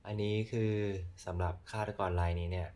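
A man's voice: low voice, flat delivery, brisk, mellow, slight background noise. A man co-hosting a casual podcast with laid-back, joking banter. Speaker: podcast co-host.

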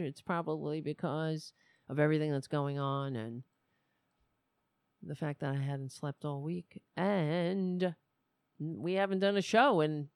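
A woman hosting a live political show, chatting casually to viewers in a loose, halting, conversational way. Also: low-pitched, clean tone, no room sound, studio quality.

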